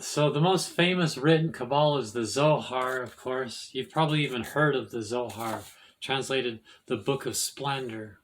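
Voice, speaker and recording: Male host, mid-pitch, rambling lecture style, loose and halting delivery. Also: slight background noise. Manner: rambling, halting, many restarts and fillers; self-correcting, laughs at own slips. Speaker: occult video host. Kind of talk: casual explanatory monologue.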